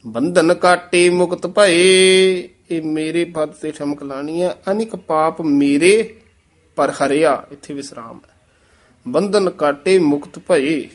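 A man teaching scripture pronunciation. He recites lines slowly and then explains corrections in quicker speech. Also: on the high side, fairly even intonation.

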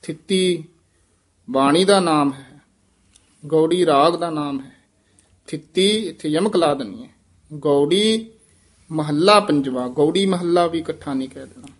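A man teaching correct recitation of scripture, chanting verses slowly and breaking off to explain pauses and pronunciation. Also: on the high side. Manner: slow chanted recitation, then quick spoken corrections.

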